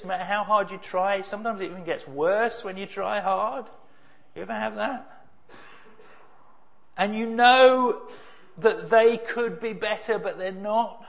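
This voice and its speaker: A man's voice: sits high, a bit bright. A man preaching a sermon in a conversational way, with rhetorical questions and wry humor. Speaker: pastor.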